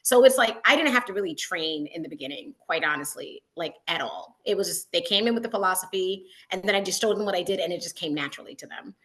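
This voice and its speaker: A woman's voice: lowish voice, lively intonation, quick pace, few pauses, a bit bright. A woman who founded a school, a guest in an interview, talking casually and bubbly, with lots of "like" and "you know what I mean", from her school building over a video call.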